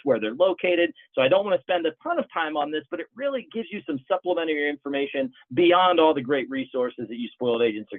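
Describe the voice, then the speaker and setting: A man presenting a sales webinar, bantering like a game-show host. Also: a little high. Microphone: video call. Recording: tinny phone-like audio.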